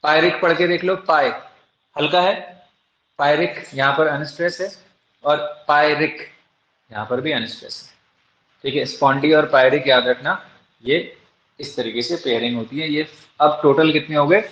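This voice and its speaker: A man's voice: fairly high pitch, normal speed, a bit bright. A male teacher giving a classroom lecture. He asks the class questions and answers them himself, and spells terms out letter by letter. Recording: echoey room, dull lo-fi sound.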